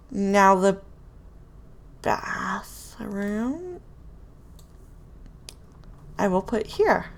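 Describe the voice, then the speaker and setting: A woman with a medium-pitched, gravelly voice sounds nasal and congested from a cold, and there's a slight hiss or hum. She makes Sims building videos and chats casually, talking to herself as she builds in real time.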